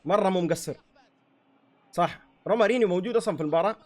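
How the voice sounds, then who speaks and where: A man with a high voice talks very fast while reacting live to a football match. He exclaims and heckles the players into his own desk microphone.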